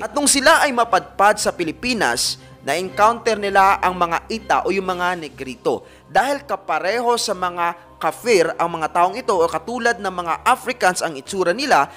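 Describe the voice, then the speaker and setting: Man telling a spooky story, high bright voice, talks right to his audience, faint music underneath. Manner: addresses listeners as a fan group, dramatic retelling. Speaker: narrator of a paranormal story channel. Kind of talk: storytelling narration.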